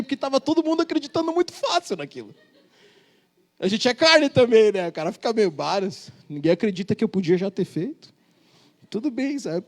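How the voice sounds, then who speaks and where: Man, thirties, pastor, joking testimony, high-pitched, lively delivery. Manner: joking storyteller, acts out voices. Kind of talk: humorous church testimony.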